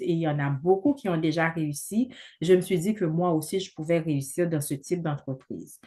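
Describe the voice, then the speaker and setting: A woman in her thirties talks a group through a business presentation on a video call. Her voice sits a little low for a woman. She is chatty and persuasive and fills her sentences with hesitations. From not from Canada. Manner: chatty, many fillers, persuasive.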